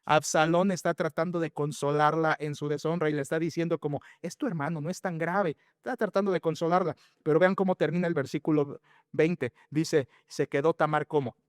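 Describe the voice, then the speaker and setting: A male pastor delivers an earnest sermon in a fairly high, smooth and resonant voice. He presses his points with emphasis and rhetorical questions, speaking directly to the congregation. The sound is dry and close, with little room echo. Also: fairly even intonation, brisk. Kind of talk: expository sermon. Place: church sanctuary.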